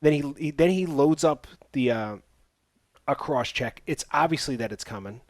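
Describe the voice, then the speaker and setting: A man's voice: mid-range voice, moderate pace, no room sound. A man hosting a casual podcast, recapping a movie's plot with sarcastic asides. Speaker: podcast host. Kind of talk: casual movie review chat.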